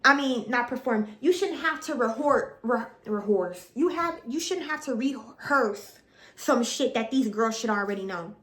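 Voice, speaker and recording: Venting about a reality TV show, this young vlogger is blunt and swears freely, going over the same grievances again out of exasperation. She speaks unhurriedly in an animated, slightly bright voice on the high side, and the room gives it a noticeable echo.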